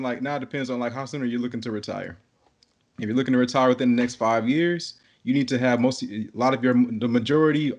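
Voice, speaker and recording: A young man co-hosting a podcast, talking in a relaxed, rambling way and laughing easily. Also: medium pitch. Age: young adult. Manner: laid-back, rambling, many fillers and restarts, laughs easily. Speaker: podcast co-host. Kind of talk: casual podcast chat.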